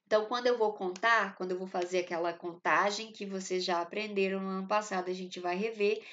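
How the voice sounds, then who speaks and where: A woman with a Brazilian Portuguese accent teaching a literature lesson. She explains step by step and often stops to check that the class is following. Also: fairly high pitch. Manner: explanatory, checks in often with short tag questions.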